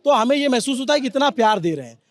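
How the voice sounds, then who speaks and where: Earnest man journalist, high voice. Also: lively intonation, very fast. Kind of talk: street interview. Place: outdoor protest site.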